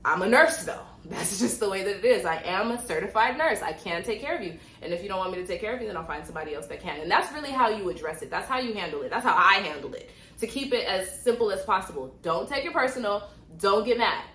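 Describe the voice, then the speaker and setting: A woman's voice: mid-range voice, lively intonation, quick pace, a bit bright, reverberant. A young woman from Miami, a nurse, giving direct, emphatic storytime advice and repeating points for stress. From Miami, Florida. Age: young adult. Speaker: nurse and vlogger.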